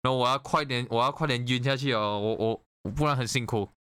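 A man casually telling an animated story in conversation, swearing freely. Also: mid-range voice, fast talker, smooth, no echo, clean studio sound. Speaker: guest sharing a story. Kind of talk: casual chat.

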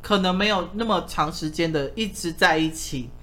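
A woman telling anecdotes on a podcast in a blunt, lively way. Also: fairly low pitch, moderate pace. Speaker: podcast co-host. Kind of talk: casual chat.

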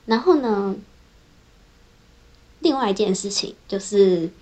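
A woman's voice: mid-range voice, expressive, takes it slowly, darkish tone. Chatty young woman engineer. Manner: chatty, strings thoughts together with frequent "then". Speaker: software engineer. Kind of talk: casual personal vlog storytelling.

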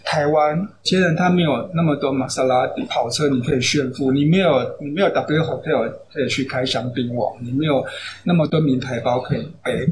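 A man's voice: medium pitch, brisk. A man with a Taiwanese Mandarin accent, an author guest on a podcast, chatty and anecdotal with many fillers. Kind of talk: casual podcast interview. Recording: noisy background.

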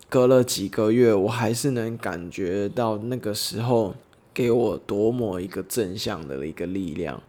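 A man hosting a podcast, telling a personal travel story in a gentle, reflective, unhurried way. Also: lowish voice. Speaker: podcast host.

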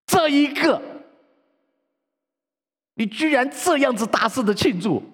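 A man's voice: mid-range voice, big pitch swings, moderate pace, darkish tone, husky. A man voicing a resentful elder son who complains to his father that he has been treated unfairly, in a hall with long reverb. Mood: outraged. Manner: aggrieved, pleading, rising to outraged.

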